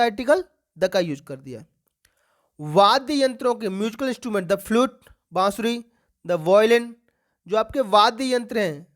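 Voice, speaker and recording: Her voice a little high, a woman leads an exam-prep grammar lesson, posing questions to students and answering them herself while repeating key words to stress them.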